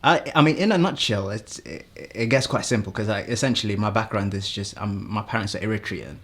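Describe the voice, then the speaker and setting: Easygoing young man, low voice. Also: fairly bright tone. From Sweden. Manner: halting, many restarts, easygoing. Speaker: guest, young doctor. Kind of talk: casual chat.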